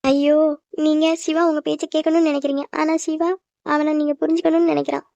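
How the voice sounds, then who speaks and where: A woman's voice: high voice, level tone, quick pace, creaky, dark tone, dry recording, lo-fi sound. A woman voicing a worried, tearful mother in a cartoon, pleading with her family.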